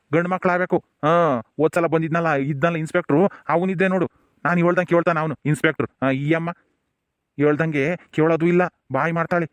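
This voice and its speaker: A man's voice: fairly high pitch, clean tone, dry recording, close to an everyday voice. A man with a rural Tumakuru Kannada accent playing an elderly, proud village headman who soothes his jailed granddaughter. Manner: soothing, pleading, repeats hush phrases. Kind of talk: village family drama acting.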